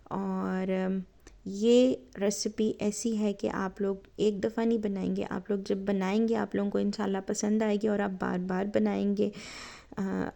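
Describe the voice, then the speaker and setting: A woman hosting a home cooking tutorial, chatting as she lists the ingredients and fills her talk with soft fillers. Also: medium pitch, creaky. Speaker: cooking channel host.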